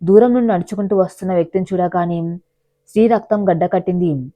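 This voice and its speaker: A woman's voice: fairly low pitch, quick pace, warm tone. Telugu woman narrating a dramatic story.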